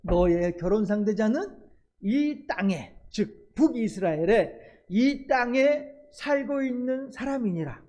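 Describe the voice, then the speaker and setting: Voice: medium pitch, lively intonation, measured pace, dark tone, natural voice. A preacher voicing God as a male divine voice giving solemn, old-fashioned commands in sermon storytelling.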